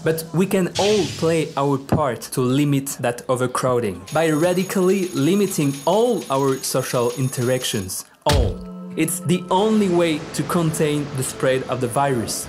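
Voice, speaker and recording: A speaker with a French accent, a native French speaker, gives a measured, grave scripted monologue recorded on a phone in an apartment, with low sound quality.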